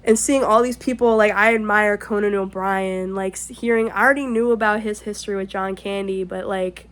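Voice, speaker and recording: Rambling, excitable woman vlogger. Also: medium pitch, brisk. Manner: rambling, excitable, swears freely; whispering to keep quiet. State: shaky with excitement. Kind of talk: casual vlog chat. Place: home, indoors.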